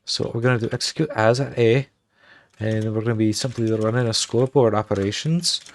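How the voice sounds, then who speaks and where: A man streams himself building a game, his mid-range voice moving fairly quickly in a put-on Irish accent. He chats casually and thinks out loud, muttering commands as he types.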